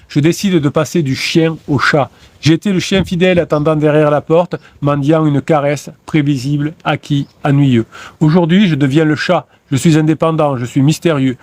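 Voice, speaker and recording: A man's voice: on the high side, darkish tone. Man reciting bold affirmations. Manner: declamatory, repetitive affirmations. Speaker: motivational coach. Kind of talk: first-person affirmations.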